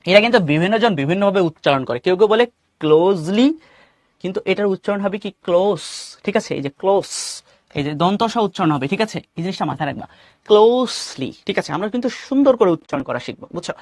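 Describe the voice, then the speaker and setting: Man, Bangladeshi Bengali accent, online class teacher, high voice, dry close sound, quizzes students. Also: lively intonation, rapid-fire, hardly any pauses, dry recording. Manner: asks questions and reads out student names; mixes English phrases into Bengali teaching. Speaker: English teacher.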